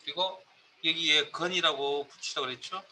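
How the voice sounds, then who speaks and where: A man's voice: fairly high pitch, fairly even intonation, normal speed, sharp tone, a little hiss or hum, rough recording. A man teaching a spreadsheet class, explaining step by step and quizzing his students.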